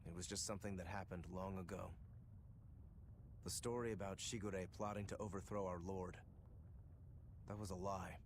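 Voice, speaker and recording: A blunt young swordsman from a game, talking in a mid-pitched, matter-of-fact way. He sounds calm and direct. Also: normal speed, pauses often, a little hiss or hum.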